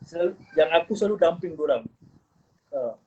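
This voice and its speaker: A man's voice: a little high, animated, moderate pace, darkish tone, slightly rough. A man telling his life story in an earnest, rambling way, dropping in English phrases. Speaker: guest. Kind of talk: casual personal testimony. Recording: muffled recording with faint noise.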